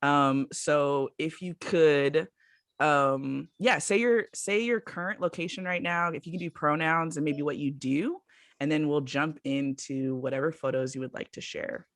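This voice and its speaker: A woman's voice: low voice, a little slow, no echo, studio quality. A woman hosting a casual podcast chat on a video call, playful and upbeat, handing out turns to her guests. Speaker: podcast host.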